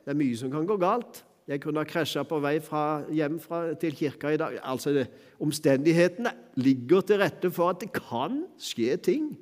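A man's voice: on the high side, expressive, a little mellow, big-room sound. A middle-aged man preaching a sermon in a church, talking in a conversational way with fillers and small chuckles.

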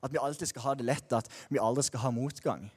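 A man's voice: medium pitch, steady tone, a little mellow, husky, long reverb tail. A young man sharing a personal faith testimony in a candid, slangy way, with frequent restarts.

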